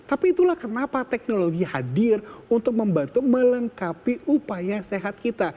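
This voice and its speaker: Infomercial guy selling hard, pretty high voice, big echoey reverb. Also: sing-song, moderate pace, dark tone. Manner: persuasive, urging viewers to call. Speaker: infomercial presenter. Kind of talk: infomercial sales pitch.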